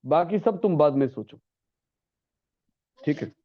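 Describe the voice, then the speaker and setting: A man's voice: fairly high pitch, expressive, measured pace. A male grammar teacher, coaxing a classroom of students and repeating his points patiently. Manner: coaxing, repetitive, calls students "beta". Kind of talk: classroom lesson. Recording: tinny phone-like classroom recording.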